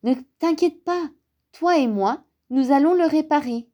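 A woman voicing a big, patient father bear in a storybook reading, who grumbles and sighs but stays gentle. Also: high voice, a little slow, pitched above the performer's own voice. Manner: sighing, grumbling, then gentle.

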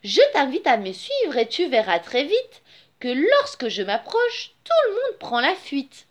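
A woman's voice: high voice, wildly swooping pitch, measured pace, heavily acted. A woman voicing a small, clever, boastful mouse while reading a picture book aloud, in a sing-song storybook manner.

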